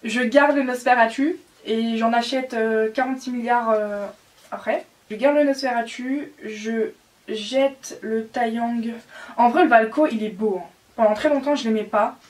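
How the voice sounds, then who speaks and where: A woman's voice: on the high side, unhurried, darkish tone. A young woman in her late teens hosting a casual chat, talking on and on with many fillers and hesitations. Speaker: doll collector channel host. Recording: distant from the mic.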